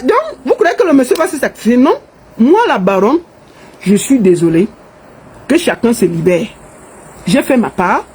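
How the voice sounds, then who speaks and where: Animated, insistent Cameroonian woman. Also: on the high side, husky, low-quality recording. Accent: Cameroonian French. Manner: emphatic, repetitive, insistent. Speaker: political activist in exile. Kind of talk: impassioned monologue to camera.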